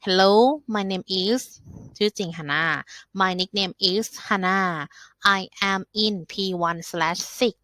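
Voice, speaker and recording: A woman teacher explaining homework, modelling short English answers slowly and carefully with polite particles. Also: medium pitch, fairly even intonation, sharp tone, no echo. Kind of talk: explaining how to record homework.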